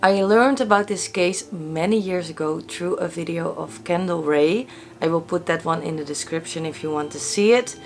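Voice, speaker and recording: A woman's voice: lowish voice, moderate pace, faint music behind. A woman whose first language is Dutch, sounding stuffy from a cold, narrating a true crime case dramatically and then chatting casually as host.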